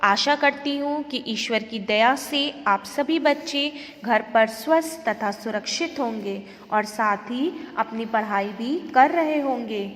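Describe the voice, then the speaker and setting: A woman's voice: fairly high pitch, measured pace, few pauses, in a large hall. A woman school teacher giving an online class lesson, speaking carefully and repeating words for emphasis.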